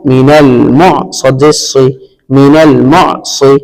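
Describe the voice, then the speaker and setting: Male Quran teacher, mid-pitched voice, spells and blends syllables, reverberant sound. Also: flat delivery, darkish tone, clean tone. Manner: spells each letter and vowel, then blends syllables slowly; repeats syllables and tells listeners to pay attention. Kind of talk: slow spelled-out recitation lesson. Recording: long reverb.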